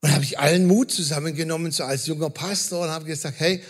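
A man preaching a sermon as pastor, lively and talking straight to the congregation with questions. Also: on the high side, fast. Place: church hall.

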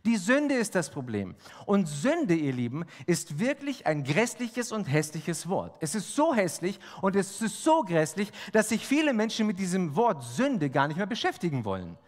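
A man's voice: sits high, sing-song, moderate pace, few pauses, darkish tone. A man preaching a sermon, speaking emphatically and asking the congregation rhetorical questions. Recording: long hall reverb.

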